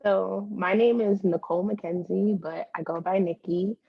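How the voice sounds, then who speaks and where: A woman's voice: mid-range voice, fairly even intonation, a little slow, vocal fry, breathy edge, no room sound, muffled recording. A woman from Guyana, a guest author, chatting playfully on a casual podcast.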